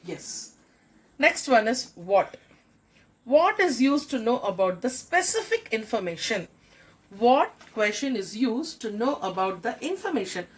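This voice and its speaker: A middle-aged woman with a Tamil accent gives an English lesson at a very slow, careful pace. Her voice sits high, and she repeats each example sentence before translating it for her students. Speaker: school principal teaching English. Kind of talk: classroom lesson.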